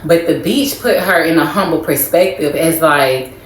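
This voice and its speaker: A woman's voice: sits low, normal speed, a little hiss or hum. A woman co-hosting a casual podcast chat, talking reflectively with many fillers. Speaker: podcast co-host. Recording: echoey room, faint ambience.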